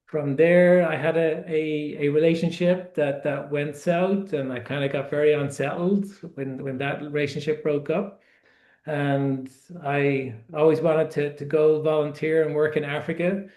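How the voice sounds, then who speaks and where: Speaking with an Irish accent, a man in his forties, a guest author, relates his story in a relaxed interview, his voice slightly higher than most men's and a bit dark in tone. He's unhurried and reflective, often repeating words while he collects his thoughts. A noticeable room echo is present.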